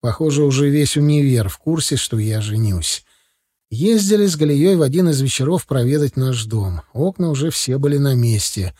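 A man narrating a first-person audiobook in a lively storytelling manner, acting out the dialogue. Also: mid-range voice, normal speed, breathy edge.

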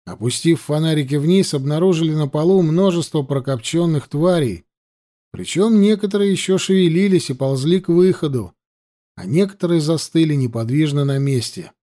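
A man narrating a fantasy audiobook in a steady storytelling manner. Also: on the high side, moderate pace.

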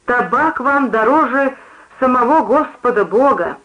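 A fervent woman street preacher, shrill and exalted, crying out her warnings high and loud as a reader acts her out. The sound is muffled and lo-fi. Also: lively intonation, a little slow, heavily acted. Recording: muffled lo-fi recording.

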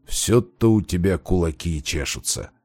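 A world-weary old wolf shapeshifter grumbles low and heavy, as a man puts him on for an audiobook. His deep voice sounds close and dry, with no room around it. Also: animated, measured pace, darkish tone, no echo, heavily acted. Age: older. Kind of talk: audiobook character voice.

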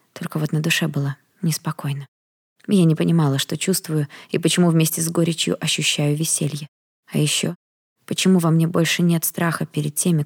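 A woman reading a first-person fantasy novel aloud in a steady, measured way. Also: low-pitched, vocal fry, slightly rough. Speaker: audiobook narrator.

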